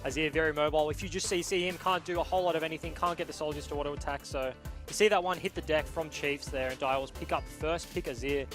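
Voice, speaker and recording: Very fast-talking male esports caster. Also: a little high, fairly even intonation, a bit bright, soft background music. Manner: talks like an esports caster, informal and chatty. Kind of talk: esports commentary, casual analysis.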